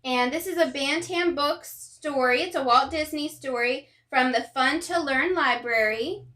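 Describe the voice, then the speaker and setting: A woman's voice: high voice, a little slow, pushed and bright. A woman hosting a bedtime story, reading a children's storybook aloud and chatting with young listeners through questions. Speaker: bedtime story host and reader.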